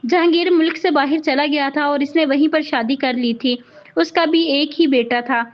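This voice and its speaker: Female narrator for a romance audiobook, high voice, muffled sound. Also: steady tone, moderate pace. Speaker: novel reader. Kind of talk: reading a romance novel aloud.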